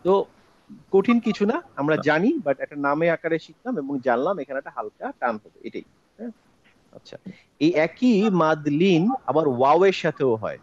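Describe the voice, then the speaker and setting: A man teaching an online Quran recitation class, drawing out syllables slowly for students to repeat. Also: on the high side, sing-song, a little mellow, no echo, lo-fi sound.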